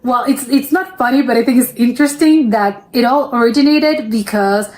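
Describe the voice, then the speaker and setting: A woman's voice: a little high, normal speed, darkish tone. An American woman hosting a reaction video, thinking aloud in casual commentary full of fillers and restarts. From United States.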